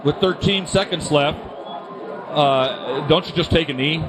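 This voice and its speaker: A man doing live radio play-by-play sports commentary as an excitable, openly partisan home-team announcer. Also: on the high side, unhurried. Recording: loud stadium crowd noise behind the voice. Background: roaring stadium crowd.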